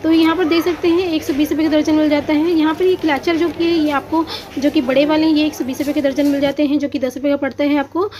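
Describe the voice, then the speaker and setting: A woman vlogger gives a walking tour of an outdoor street market, chatting to viewers about prices with many hesitations. Her voice is high-pitched, level and quick, recorded on a handheld phone with the camera pointed at the goods.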